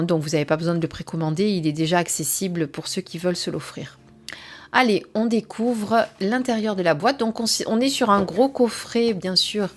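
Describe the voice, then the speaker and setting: A woman unboxing and reviewing an oracle card set, talking casually with many pauses and fillers. Her pitch sits in an ordinary middle range, and now and then she drops into soft whispers. She also reads some passages from the guidebook aloud.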